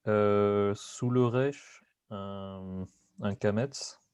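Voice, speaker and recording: Slow, hesitant male student. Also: on the low side, a little mellow, clear, resonant tone, no echo, clean studio sound. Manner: hesitant, tentative answers. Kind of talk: answering in class.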